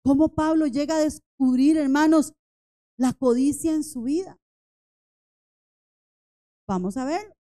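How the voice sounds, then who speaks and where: A woman's voice: high voice, unhurried, long pauses, warm tone. A woman in her forties preaching a Bible study in a church, earnest and tired, often turning to the congregation with asides. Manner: earnest, repeats "hermanos" and "¿verdad?". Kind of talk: sermon-style Bible study.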